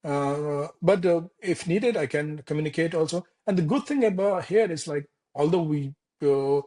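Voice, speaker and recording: The voice, on the high side and warm, belongs to a man from Nepal in his thirties who works as an architect. As an interview guest in Denmark, he speaks casually with a Nepali accent, hesitating, restarting, and filling pauses frequently.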